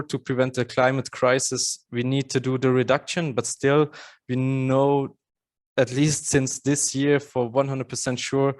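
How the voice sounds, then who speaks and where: A man in his thirties from Austria, an English speaker, giving a conference presentation earnestly with frequent fillers and restarts. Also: mid-range voice. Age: 30s.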